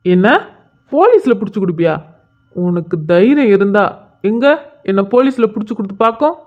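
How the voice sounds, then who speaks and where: A woman's voice: medium pitch, lively intonation, normal speed, phone-quality sound, lightly acted. A woman voicing a cocky young male senior who taunts and pesters a girl in a bossy way, in a cartoon story. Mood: taunting.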